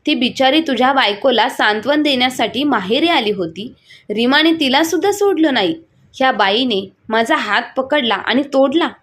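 A woman voicing an angry, domineering older mother-in-law who scolds in a shrill, bossy way. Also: animated, moderate pace, a bit bright. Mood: wailing, indignant.

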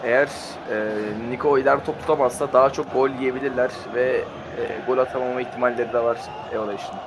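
A male co-commentator with a mid-range voice who talks fast, giving brief tactical takes between plays. His voice comes through a noisy line with a steady hiss behind it. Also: mid-range voice, crowd noise. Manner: quick analytical remarks with hesitation fillers. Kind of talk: live esports color commentary.

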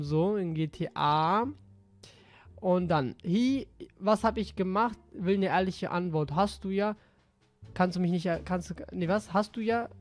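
A man talking casually as a gaming YouTuber, reading out messages in an offhand, slangy way. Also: sits high.

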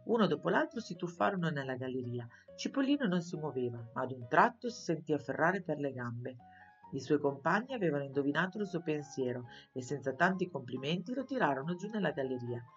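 Low-voiced woman reading a children's story. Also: a little fast, dull audio, soft background music. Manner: expressive, storytelling. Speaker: audiobook reader for schoolchildren. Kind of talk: storybook narration.

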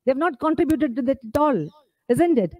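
At her book launch, an Indian author in her forties speaks earnestly and emphatically at a podium mic on an indoor stage, posing rhetorical questions to the audience. Her voice is high, animated and warm, at a moderate pace, and the recording is dry.

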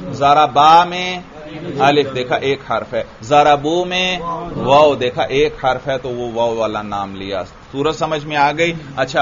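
A male religious teacher from Pakistan drilling grammar with his class, quizzing students with repeated questions and chanting word forms slowly. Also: medium pitch, fairly bright tone, highs cut off.

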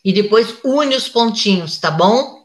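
A woman's voice: a little high, lively intonation, a little slow. A mature woman giving a live makeup tutorial, chatty, constantly checking in with her viewers. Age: older. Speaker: makeup instructor. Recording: echoey room.

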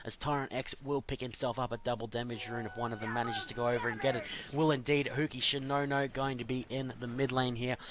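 A man calling a video game match in quick, excitable play-by-play, his voice going hoarse from the long broadcast. His pitch sits in an ordinary middle range and jumps up whenever a fight breaks out. A faint hiss runs under the recording. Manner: fast, excitable play-by-play with sudden rises. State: losing his voice. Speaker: esports caster.

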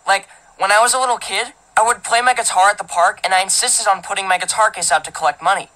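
A woman's voice: mid-range voice, fast talker, pushed and bright, low-quality recording. A woman narrating a teenage boy's first-person story as an audiobook, in a casual, filler-filled, indignant manner. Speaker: audiobook reader.

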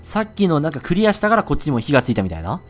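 A man commentating his own gameplay, excitable, yelping and swearing at enemies. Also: on the high side, very fast. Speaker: let's-play gamer. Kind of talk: live game commentary. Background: game audio and music.

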